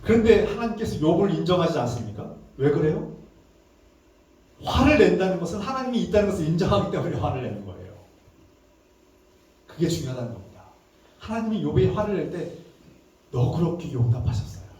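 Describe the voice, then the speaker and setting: A male pastor delivers a Sunday sermon from some distance off the mic, and his voice rings through a very reverberant church sanctuary. His pitch sits a little high for a man. He preaches emphatically and acts out desperate, angry prayers with rising force. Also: big pitch swings, brisk, pauses often, a little mellow.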